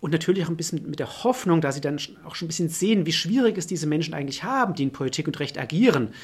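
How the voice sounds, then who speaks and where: A middle-aged male professor answers a podcast interview at a quick clip, thinking aloud with frequent fillers and self-corrections. His voice sits a little higher than most men's. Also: lively intonation, breathy edge. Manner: fast, thinking aloud with many fillers and restarts. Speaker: political science professor, guest.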